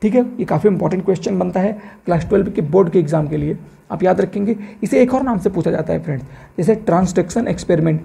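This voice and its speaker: Male teacher, exam-prep biology lecture; fast, husky, raspy delivery, repeats terms and quizzes the class rhetorically. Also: high-pitched, dark tone.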